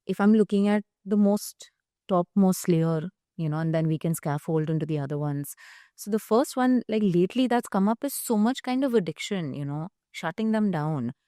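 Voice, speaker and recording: Woman, Indian accent, lowish pitch, soft-edged mellow tone, conversational explaining, guest expert. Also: expressive, normal speed, no echo, clean studio sound. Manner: explanatory, frequent "you know" tags. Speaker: guest psychologist. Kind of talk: conversational interview answers.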